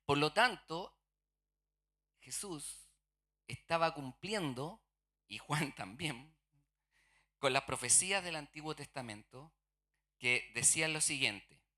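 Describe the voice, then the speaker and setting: Bright-voiced preacher. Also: mid-range voice, animated, slow, pauses often. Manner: asks the congregation rhetorical questions and answers them. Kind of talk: sermon. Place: church.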